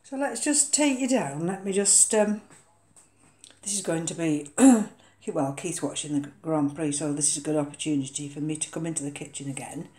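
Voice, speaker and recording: In her home kitchen, an older orchid vlogger pots a plant and chats casually, her low, mellow voice moving at a moderate pace. She hesitates often with plenty of ums and uhs, and the sound is roomy.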